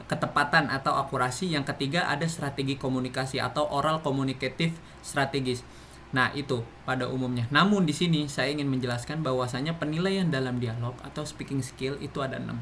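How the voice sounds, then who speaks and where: A man's voice: mid-range voice, sharp tone, slight background noise. A man giving a classroom explanation, speaking with many fillers and restarts. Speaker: presenter.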